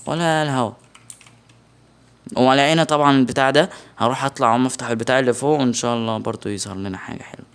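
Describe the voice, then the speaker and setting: An excitable young man with an Egyptian Arabic accent, giving let's-play commentary on a horror game, yelping in alarm and muttering to himself. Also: mid-range voice, racing, creaky, clean tone. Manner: excitable, shouts in alarm, mutters under breath. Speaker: gaming channel host.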